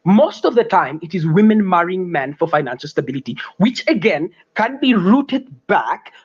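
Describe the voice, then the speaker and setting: Halting teenage boy giving a debate speech. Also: high voice, very animated, slightly rough, muffled recording. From Uganda. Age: teens. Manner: halting, with repeated words and self-corrections. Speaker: student debater.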